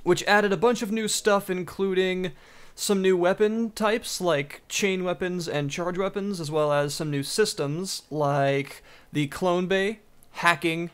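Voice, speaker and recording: A man with a slightly high voice hosts a gaming video and talks over his play in a loose, casual way. He sounds keen and rambles with plenty of fillers as he goes. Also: a little slow, fairly bright tone, clear, resonant tone. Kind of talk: casual let's-play commentary.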